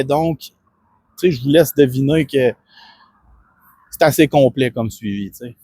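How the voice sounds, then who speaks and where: A man from Quebec with a Québécois French accent and a fairly high, breathy-edged voice rambles earnestly as a fitness coach promoting himself casually, full of fillers and restarts. The recording is studio quality with no room sound.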